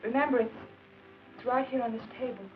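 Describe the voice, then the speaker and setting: An actress playing a proud, hurt young fiancée in a 1950s film, talking emotionally and at times shouting. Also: female voice, fairly high pitch, steady tone, a little fast, natural voice. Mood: sad. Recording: dull old film soundtrack with music.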